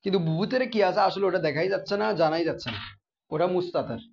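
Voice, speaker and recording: A man's voice: high-pitched, lively intonation, fast talker, creaky, highs cut off, slight background noise. A man teaching a class, often asking his students questions and repeating the key terms. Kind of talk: classroom grammar lesson.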